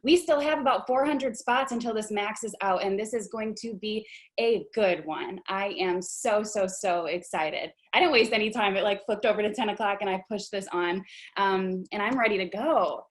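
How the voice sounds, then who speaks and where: A young woman in her twenties, hosting a business video call in a bubbly, excited way with frequent fillers. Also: medium pitch, moderate pace. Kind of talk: casual livestream talk.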